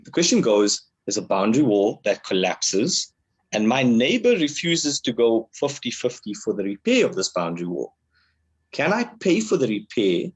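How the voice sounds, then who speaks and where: A man's voice: lowish voice, husky. A man hosting a casual online webinar discussion over a video call. He talks in a friendly, easygoing way. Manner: friendly, easygoing, laughs often. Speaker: webinar host.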